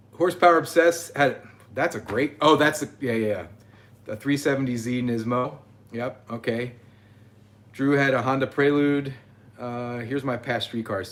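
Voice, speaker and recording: A man's voice: mid-range voice, fairly bright tone, a little hiss or hum. Man, chatty, reads comments aloud, casual livestream host, mid-range voice. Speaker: channel host.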